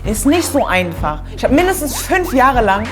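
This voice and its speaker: A woman host riffs through a comedic monologue with a fairly high voice. She is animated and slangy, and her talk is full of asides. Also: normal speed, music in the background. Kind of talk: comedic straight-to-camera monologue.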